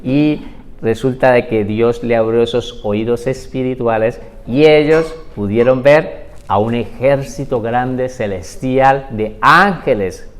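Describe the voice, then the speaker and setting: Man teaching an animated Bible class. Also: medium pitch, slow pace. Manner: animated storytelling with rhetorical questions.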